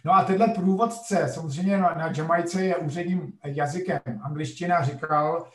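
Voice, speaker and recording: A man's voice: on the high side, fairly even intonation, fairly bright tone, echoey room, recorded from a distance. A middle-aged man, a geography professor, telling a story in a lecture-like way, emphatic, with frequent hesitation sounds. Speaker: podcast guest, geography professor.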